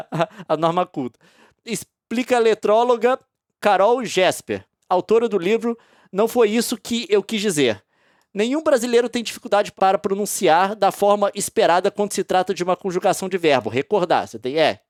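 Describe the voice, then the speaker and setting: A woman with a Brazilian accent hosting a casual commentary, reading a news story aloud and mocking it with heavy, repeated emphasis and sudden loud outbursts. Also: medium pitch, no echo, clean studio sound. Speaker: host.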